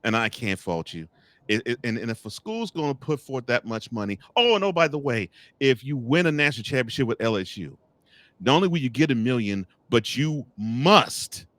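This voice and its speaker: Male sports podcast host, teasing and animated, dry close recording. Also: medium pitch, normal speed, dry recording. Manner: animated and teasing, many restarts, laughs often. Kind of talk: sports talk commentary.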